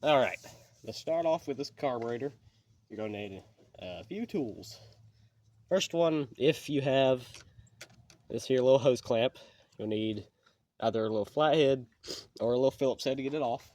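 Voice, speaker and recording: A channel host walks viewers through a repair step by step in a casual, plainspoken, folksy how-to. His voice is medium-pitched and a little mellow, at a normal speed with frequent pauses, and he sounds sniffly from allergies.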